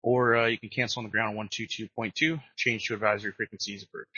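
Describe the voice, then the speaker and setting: A man's voice: on the low side, level tone, quick pace, sharp tone, slightly rough, dry recording. A man giving procedural instructions as an air traffic controller over radio. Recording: muffled dry aviation radio.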